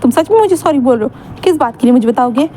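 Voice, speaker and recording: A hurt young man answers in biting, scornful retorts, as a woman storyteller puts him on. His voice sits high but mellow. He stays defiant through his tears. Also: animated, quick pace, slight background noise. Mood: bitter, scornful.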